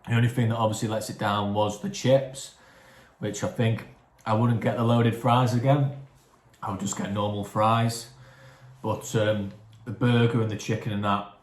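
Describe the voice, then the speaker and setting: Chatty low-voiced man reviewing takeaway. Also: roomy sound. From England, near Chester. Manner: chatty, relaxed, talking with his mouth full. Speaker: food review vlogger. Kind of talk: casual food review vlog.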